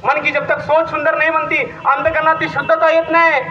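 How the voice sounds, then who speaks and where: A man's voice: very high voice, little pitch movement, a little fast. A man giving a sermon at a devotional gathering, telling humorous anecdotes and repeating phrases for comic effect, impassioned and exhorting. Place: gathering hall with a stage. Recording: distant muffled hall recording, faint noise.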